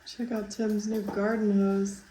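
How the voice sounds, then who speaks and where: A woman's voice: medium pitch, flat delivery, measured pace, background noise. A woman chatting casually in a garage, teasing and dry. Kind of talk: casual chat.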